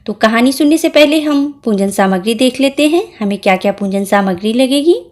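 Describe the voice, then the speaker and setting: A woman's voice: on the high side, expressive, moderate pace, a little mellow. Woman telling a devotional folk tale. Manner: plain homely telling, addresses listeners directly. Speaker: storyteller.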